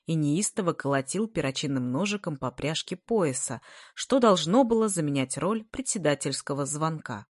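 A woman with a fairly low voice reads a storybook aloud and tells it with expressive life. The recording is dry and close. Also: dry recording. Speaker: audiobook narrator. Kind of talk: scripted narration.

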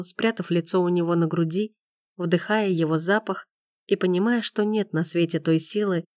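A woman narrating a romance audiobook in a measured, expressive way. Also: lowish voice, no room sound, clean studio sound.

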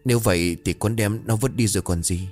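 A man's voice: lowish voice, fairly quick, a little mellow, faint music behind, close to an everyday voice. A man voicing a stubborn, hot-tempered young husband who answers curtly. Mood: tense.

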